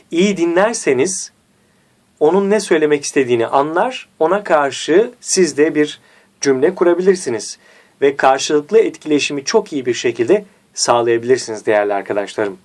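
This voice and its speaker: A man teaching a diction lesson, speaking didactically and repeating key points to his viewers. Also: a little mellow. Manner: varies pitch and slows for emphasis. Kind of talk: instructional video lesson.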